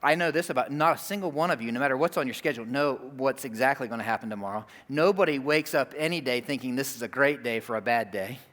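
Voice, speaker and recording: Middle-aged male pastor, chatty sermon storyteller, mid-pitched, big hall reverb. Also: fast talker, hardly any pauses, fairly bright tone. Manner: conversational, storytelling with asides to the congregation. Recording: long reverb of a church hall.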